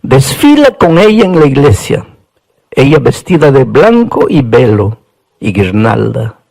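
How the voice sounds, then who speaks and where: A man preaching a sermon, telling a story with feeling, his voice climbing high at the peaks. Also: very animated, unhurried, creaky, darkish tone, low-quality recording.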